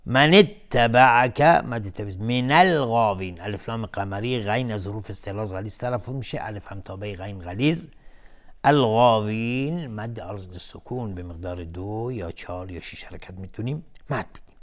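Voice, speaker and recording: A man with a fairly low voice leads a televised lesson on Quran recitation. He explains the rules in a measured way, naming each term one at a time. He sets off each verse with a slow chant at a raised pitch. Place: TV studio.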